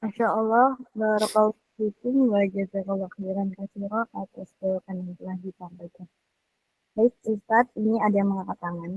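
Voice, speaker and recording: Woman moderator reading questions loudly. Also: medium pitch, fairly even intonation, brisk, breathy edge, no echo, phone-quality sound. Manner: formal and loud when reading.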